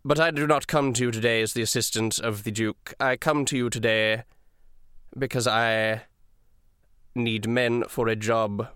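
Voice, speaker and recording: A man's voice: mid-range voice, fairly even intonation, moderate pace, a bit bright, clean tone, no room sound, studio quality, close to an everyday voice. A man voicing a cold, haughty male dragonborn assistant who speaks formally and sarcastically. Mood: icy formal.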